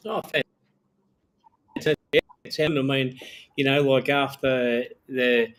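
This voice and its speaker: A man hosting an interview over a video call, his speech halting and fragmented as the connection breaks up. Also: medium pitch, steady tone, fairly bright tone. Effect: breaking-up, freezing video call connection. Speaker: interview host.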